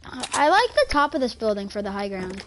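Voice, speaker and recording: A woman's voice: medium pitch, very animated, a little fast, noisy background. A young woman chatting casually while gaming, matter-of-fact and teasing. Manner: matter-of-fact, complains, teases.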